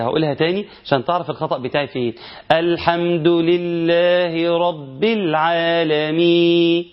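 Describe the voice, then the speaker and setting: Egyptian male recitation teacher, rapid explanations broken up by slow chanted verses, muffled lo-fi recording. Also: on the high side. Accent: Egyptian Arabic. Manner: explains errors, then chants verses slowly. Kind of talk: recitation lesson. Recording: dull lo-fi recording.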